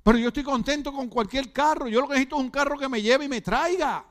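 High-voiced Puerto Rican preacher man. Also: fast, fairly bright tone. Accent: Puerto Rican Spanish. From Puerto Rico. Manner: rhetorical questions to the congregation, humorous asides. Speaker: pastor. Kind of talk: sermon.

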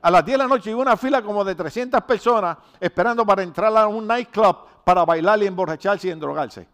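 Middle-aged male pastor, slightly raised pitch; folksy sermon, rambling anecdotes, rhetorical asides. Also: brisk. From Puerto Rico. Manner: animated, rambling storytelling with rhetorical questions. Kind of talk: conversational sermon.

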